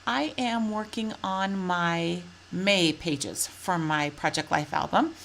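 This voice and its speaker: A woman's voice: fairly low pitch, takes it slowly, vocal fry, fairly bright tone, a little hiss or hum. A woman with a chest cold hosting a scrapbooking video, chatting casually and apologetically with frequent ums as she works. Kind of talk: casual crafting process voice-over.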